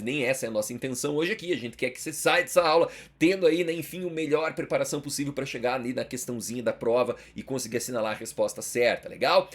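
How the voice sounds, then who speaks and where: Young adult Brazilian male teacher, husky, informal and slangy, for a friendly exam-prep lecture. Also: medium pitch. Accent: Brazilian Portuguese. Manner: chatty, slangy, checks in with listeners constantly.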